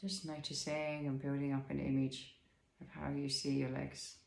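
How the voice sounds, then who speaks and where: A male instructor leads a guided body scan, soothing and unhurried, with pauses and gentle questions. His mid-range voice is monotone and gravelly, and the recording is reverberant.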